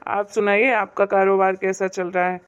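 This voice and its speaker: A woman's voice: medium pitch, little pitch movement, moderate pace, clean tone, highs cut off, close to an everyday voice. A woman voicing an easygoing, stylish brother-in-law in a cartoon story, breezy and good-humoured.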